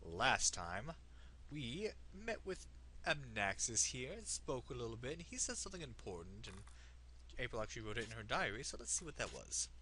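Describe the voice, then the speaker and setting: A man's voice: medium pitch, sing-song, normal speed, pushed and bright, slight background noise, rough recording. A man hosting a let's play with casual, joking commentary, reacting aloud to the game.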